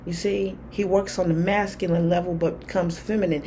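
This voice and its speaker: A woman's voice: lowish voice, little pitch movement, fairly quick, mellow, slight background noise. A woman talking candidly to camera in a rambling, casual way, full of fillers. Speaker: spiritual vlogger. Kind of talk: casual personal talk to camera.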